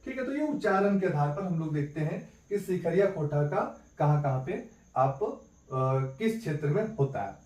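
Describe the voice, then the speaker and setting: A man's voice: on the high side, lively intonation, moderate pace, a little mellow. Man teaching in an echoey room. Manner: repeats key points as questions and answers them. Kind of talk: exam-prep lesson. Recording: echoey room, mic at a distance.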